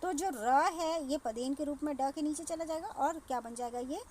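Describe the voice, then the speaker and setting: A woman teacher explaining a grammar lesson to children, slowly spelling out sounds and repeating words. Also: high voice, warm tone. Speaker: school teacher. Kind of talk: classroom lesson.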